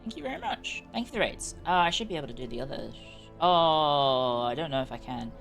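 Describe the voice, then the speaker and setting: Woman game streamer, very lively pitch. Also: fairly quick, creaky. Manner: chatty, reacting aloud with exclamations. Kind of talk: casual live stream commentary. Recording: music behind the voice. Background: game music.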